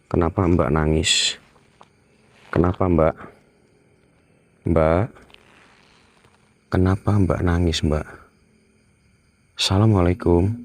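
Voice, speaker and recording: Low-voiced man whispering on a night ghost hunt. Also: level tone, slow, pauses often. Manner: hushed, tense, often murmurs prayers and whispers. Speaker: ghost-hunting vlogger. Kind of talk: night ghost-hunt vlog, speaking to viewers.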